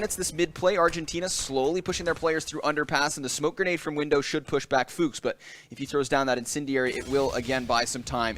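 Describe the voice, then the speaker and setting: A man calling live esports play-by-play, brisk and analytical. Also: medium pitch, a bit bright. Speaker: esports caster.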